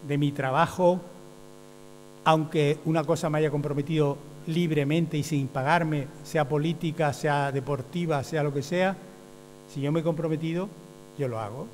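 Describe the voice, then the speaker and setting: A man's voice: fairly high pitch, fairly even intonation, moderate pace, darkish tone. A man lecturing to teachers, explaining step by step and often checking with "¿ve?". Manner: explanatory, often asks "¿ve?", acts out quoted voices. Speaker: teacher trainer. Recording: hum with long hall reverb.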